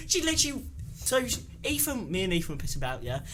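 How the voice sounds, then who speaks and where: A man's voice: high voice, fast talker, a little hiss or hum. A young man telling a school story on a casual podcast, laughing as he goes. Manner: animated, laughing through his story. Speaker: podcast co-host.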